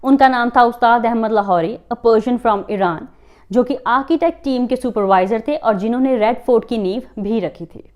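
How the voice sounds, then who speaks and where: An Indian woman hosting a fun-facts video. She reads the facts slowly in English and then chats quickly in Hindi. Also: fairly high pitch, darkish tone. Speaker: host. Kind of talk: fact-sharing video, scripted English and chatty Hindi.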